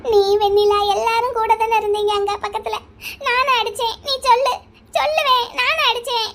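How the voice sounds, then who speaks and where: An anxious, tearful young wife from a cartoon, as a woman acts her out, pleading and questioning insistently. The voice is pitched extremely high, almost childlike. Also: fairly even intonation, a little fast, noisy background. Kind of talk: cartoon voice acting.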